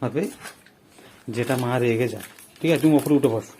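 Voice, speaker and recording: A man plays a father, speaking to his daughter at home in a patient voice that coaxes and lectures by turns. His pitch sits in an even middle range, and a faint hiss runs underneath. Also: brisk. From Bengal. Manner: coaxing, gently lecturing a child. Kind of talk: scripted family drama vlog.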